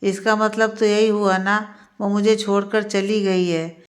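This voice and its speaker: A young man pleading over and over in a storybook tale, as a woman narrator voices him. The voice stays flat and even in pitch, middle in height, with repetitive, pleading questions rather than big swings. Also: measured pace, close to an everyday voice. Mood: disbelieving. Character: young man, desperate, pleading grieving lover.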